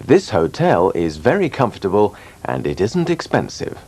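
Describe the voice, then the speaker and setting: Slow, lively-voiced teacher man. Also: lowish voice. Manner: slow, clearly articulated drilling of words. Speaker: language teacher. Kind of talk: scripted language lesson.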